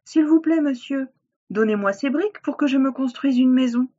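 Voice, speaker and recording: Storybook role: woman voicing a polite, clever little pig, high and eager, slightly husky, muffled recording. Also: normal speed, mellow. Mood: pleading.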